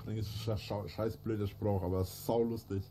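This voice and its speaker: A man's voice: lowish voice, little pitch movement, normal speed, a little hiss or hum. A man around thirty, chatting crudely and boastfully on a livestream and thanking supporters. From Middle Franconia. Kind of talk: casual livestream chat. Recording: stream clip with loud music behind.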